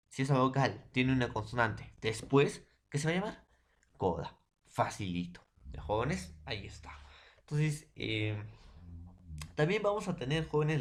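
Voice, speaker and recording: A man from Peru teaching a secondary school language class, explaining patiently and repeating his points, with frequent tag questions and fillers. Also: mid-range voice. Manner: repetitive, fills every phrase with tag questions and addresses. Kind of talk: recorded online class lecture.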